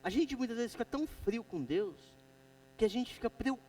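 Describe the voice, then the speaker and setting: A middle-aged Brazilian man with a Brazilian Portuguese accent preaching a sermon, moving between loud exhortation and quiet storytelling. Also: extremely high pitch, expressive, moderate pace, distant mic, slight background noise, rough recording.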